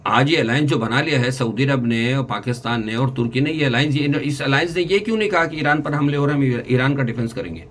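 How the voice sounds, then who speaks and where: A man's voice: medium pitch, few pauses, fairly bright tone, slight background noise. Man giving rambling political commentary. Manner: rambling, many restarts and asides, mixes in English words.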